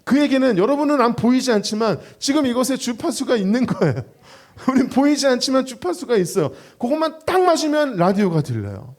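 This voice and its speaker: Male pastor-singer, high and very animated, storytelling sermon with acted-out quotes. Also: a little fast. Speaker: radio and online show host. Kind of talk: sermon at a praise concert.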